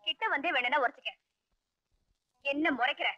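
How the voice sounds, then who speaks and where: A feisty, sharp-tongued wife in old film comedy. Her voice is high and bright. The sound is dry and muffled, with music underneath. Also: normal speed, dry recording. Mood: scolding. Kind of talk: 1980s Tamil film comedy dialogue.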